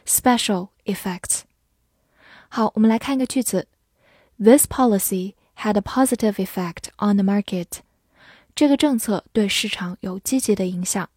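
A woman teaching English vocabulary, spelling words letter by letter and reading sentences slowly for listeners to repeat. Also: mid-range voice, darkish tone, no room sound, studio quality. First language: Chinese. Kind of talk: slow, careful vocabulary lesson.

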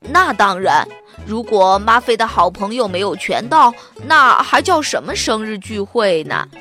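A woman voicing an eager, cheerful young schoolboy in a children's storybook, with a lively, animated voice. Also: mid-range voice, measured pace, faint music behind. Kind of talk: children's audiobook reading.

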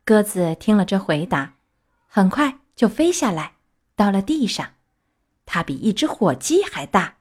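A woman narrating a children's story in a steady, expressive reading voice. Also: mid-range voice, unhurried, husky. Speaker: audiobook reader. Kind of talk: scripted narration.

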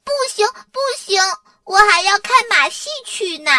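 A woman's voice: high voice, big pitch swings, unhurried, sharp tone, no echo, pitched above the performer's own voice, exaggerated voice. A woman voicing a cheeky, teasing little girl in a children's storybook reading, in a singsong, gloating manner. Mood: indignant. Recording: distant mic, dry sound.

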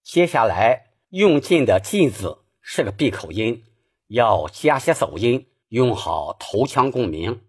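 A man's voice: medium pitch, sing-song, slow pace, a little mellow, slightly rough. A man giving a spoken Peking opera singing lesson, patiently explaining technique step by step.

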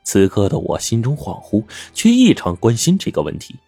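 A man narrating a novel in the first person with expressive storytelling. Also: lowish voice, normal speed, gravelly, husky, no echo, soft background music. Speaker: audiobook narrator.

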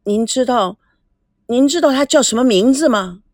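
A woman's voice: a little high, expressive, normal speed, darkish tone, dry recording, clean studio sound, voice pushed up, close to an everyday voice. Woman voicing a shy, stammering young man. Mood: nervous.

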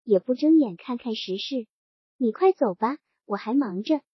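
A woman's voice: on the high side, expressive, moderate pace, breathy edge, no echo. A woman reading the lines of a brusque, impatient male county official in a curt tone. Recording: dull, dry audiobook recording.

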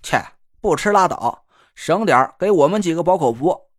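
A man's voice: on the high side, expressive, normal speed, no echo, clean studio sound. A man voicing a cocky, joking young man who teases his friend while cooking. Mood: teasing. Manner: teasing, boastful, chatty slang. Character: cocky joking young male camp cook. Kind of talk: audiobook character voice.

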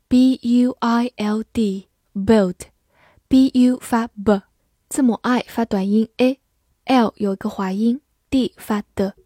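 A young adult woman teaching English vocabulary in a scripted lesson, spelling out words slowly and carefully. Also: on the high side, mellow, dry recording, studio quality.

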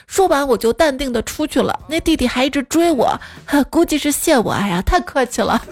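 Wry high-voiced woman telling jokes. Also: animated, a little fast, dry recording. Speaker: comedic storyteller. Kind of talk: reading funny anecdotes.

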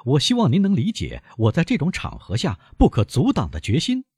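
A stubborn, proud young nobleman, as a male audiobook reader puts him on, pitched well above the reader's own low voice and forcefully insistent. The voice has a husky edge and a dry, close sound. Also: wildly swooping pitch, brisk, dry recording, heavily acted. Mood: demanding. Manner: firm, demanding, proud. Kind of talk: audiobook character voice.

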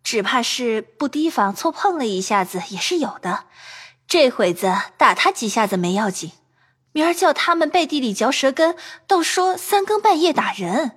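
A devoted young maid who soothes and placates her mistress, played by a woman in an audio drama. Her voice is very high and slightly breathy. It moves lightly through a wide range. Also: lively intonation, normal speed. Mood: placating. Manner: soft, coaxing, placating.

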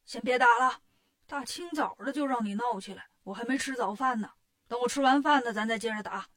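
A woman's voice: fairly high pitch, brisk, a bit bright. A woman voicing a sly, bullying male demon king in a storybook tale, blustering and scheming. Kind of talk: storybook character voice.

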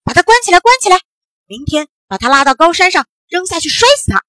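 A woman's voice: very high voice, sing-song, fast, fairly bright tone, no echo, studio quality, pitched above the performer's own voice, full character voice. Woman putting on a shrieking, furious old official. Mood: raging shouts. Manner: shrieking orders. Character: blustering cruel male official, furious. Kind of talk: children's storybook narration.

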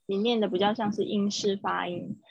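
A woman's voice: mid-range voice, fairly even intonation, moderate pace, vocal fry, slightly rough, no room sound, highs cut off. A woman tutoring English vocabulary over a video call, patiently correcting pronunciation and encouraging her student. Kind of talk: live online vocabulary lesson.

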